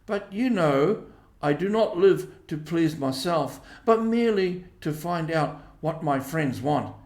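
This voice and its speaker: A man's voice: fairly high pitch, expressive, slow pace, a little mellow, roomy sound, pitched above the performer's own voice. A man voicing a vain, dramatic toad in a storybook reading, with a grandiose, protesting manner. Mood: airily obliging. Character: vain, dramatic, self-important male Toad.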